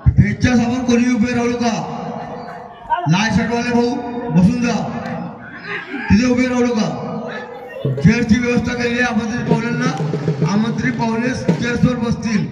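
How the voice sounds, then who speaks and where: A man announcing a live match over an outdoor loudspeaker, calling out scores and names and directing the crowd. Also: very high-pitched, little pitch movement, normal speed, pauses often, highs cut off. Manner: commanding, calls names and scores. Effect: outdoor loudspeaker public address. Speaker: tournament announcer. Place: outdoor sports ground. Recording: echoey distant loudspeaker with crowd. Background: crowd noise.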